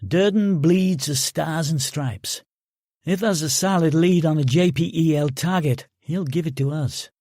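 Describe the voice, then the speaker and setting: A man's voice: fairly high pitch, a little slow, warm tone, dry recording, clean studio sound. A man voicing a brash, mocking American sergeant in an audiobook, talking in cocky, needling banter. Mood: taunting.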